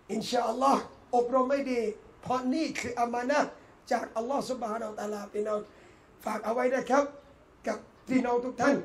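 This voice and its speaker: A man with a Thai accent giving an impassioned Islamic sermon, fiery and swinging from shouting to soft. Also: extremely high pitch. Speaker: Islamic preacher.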